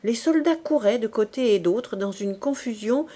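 A woman narrating a classic novel in a measured, clear storytelling manner. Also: fairly high pitch, animated, mellow. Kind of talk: reading a classic novel aloud.

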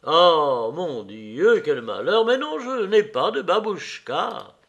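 A man reading a classic novel aloud, playing the first-person narrator's dialogue in an unhurried, theatrical way. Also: a little high, very animated, fairly bright tone. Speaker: reader. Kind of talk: audiobook reading of classic fiction.

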